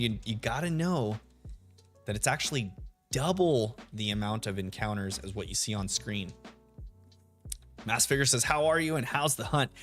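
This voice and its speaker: This is a live game stream hosted by a man with a deep voice suited to radio. He keeps things laid-back and talkative, welcoming viewers by name while hunting for shinies, and soft lo-fi music plays in the background.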